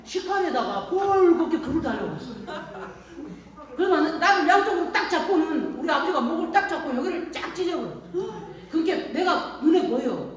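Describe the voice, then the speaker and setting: A folksy woman pastor at an elder care center preaches to an elderly congregation, telling stories and often asking call-and-response questions. Her very high voice is animated at a moderate pace, recorded in an echoey hall on a distant mic with faint noise.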